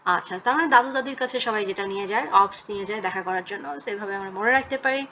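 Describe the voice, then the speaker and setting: A woman with a bright, clear tone talks through a list of words in a relaxed lesson. She repeats each one slowly to get the sound right and thinks aloud as she goes. The recording is a little dull, with a faint hum of room ambience behind her. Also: medium pitch. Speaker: language learner teaching German words. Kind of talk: casual spoken vocabulary lesson.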